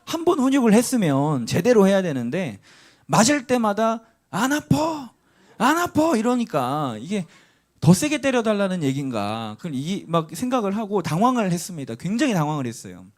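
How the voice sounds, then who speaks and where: A man preaching in a church, his pitch rising and falling widely as he tells a story from home. He sits a little high for a man and acts out voices along the way. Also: a little fast. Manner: animated storytelling, acting out a child's cries. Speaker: pastor. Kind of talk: sermon with a personal story. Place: church sanctuary.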